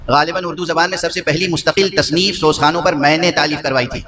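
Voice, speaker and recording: High, bright older man preaching. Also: steady tone. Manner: impassioned oratory, rising and falling in pitch. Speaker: Shia majlis speaker. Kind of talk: Muharram majlis sermon. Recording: echoey hall with faint noise.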